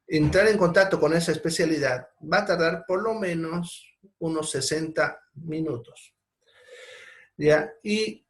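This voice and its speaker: Guy teaching a triage class, kinda high voice, keeps checking people follow. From Bolivia. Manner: explanatory, checks in with frequent "ya". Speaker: seminar instructor. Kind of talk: lecture on triage.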